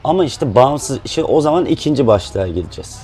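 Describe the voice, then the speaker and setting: A man speaking in a relaxed, explanatory way, with fillers, as a musician guest in a casual chat. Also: medium pitch, a little fast.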